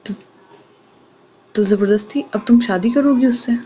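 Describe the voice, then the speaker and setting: A jealous young rival man, heated and accusing, voiced by a woman reading a story aloud. The tone stays mellow and middle-pitched. The recording is dull and lo-fi with faint hiss. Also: close to an everyday voice. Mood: angry.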